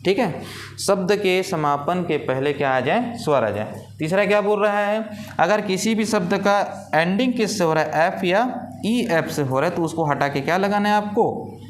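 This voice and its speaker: A man's voice: high-pitched, normal speed, a little hiss or hum. A man teaching an English grammar lesson. He asks his students questions and answers them himself. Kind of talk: classroom-style grammar lesson.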